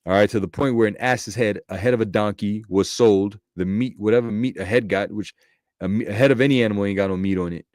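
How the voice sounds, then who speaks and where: A man with a lowish voice gives casual scripture commentary in slangy, profane street talk. He thinks aloud, restarts and corrects himself as he works things through. The recording is dry and close, with no room echo. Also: fast talker, a little mellow. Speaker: bible commentator.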